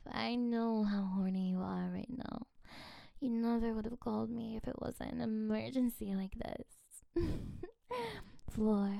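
A woman doing ASMR role-play as a flirtatious, coaxing friend, drifting between soft breathy speech and speaks softly, close and intimate as if right in your ear. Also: a little high, no echo. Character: flirtatious, coaxing female friend on a late call.

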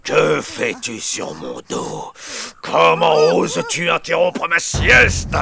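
A woman voicing a proud, gruff male lion king who speaks slowly and commandingly. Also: low voice, huge pitch swings, a crowd in the background, heavily acted. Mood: angry. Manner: slow, growling, commanding.

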